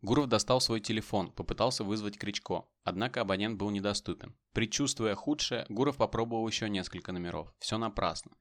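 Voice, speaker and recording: A man reading an audiobook as narrator in brisk, even storytelling. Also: lowish voice. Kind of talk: scripted narration.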